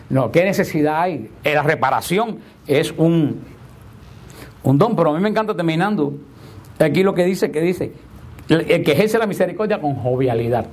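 A male preacher delivers a homily to his congregation in a husky, slightly higher-than-usual voice. He's emphatic, leaning on repeated rhetorical questions, slowing down to stress key words and then rushing through asides.

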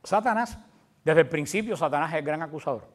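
A man's voice: fairly high pitch, expressive, a little fast. A male preacher giving a sermon in a conversational way, often asking his congregation questions.

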